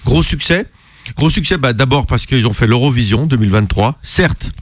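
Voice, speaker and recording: A man's voice: mid-range voice, lively intonation, normal speed, no room sound, clean studio sound. A man hosting a radio music show, chatting casually with many hesitations.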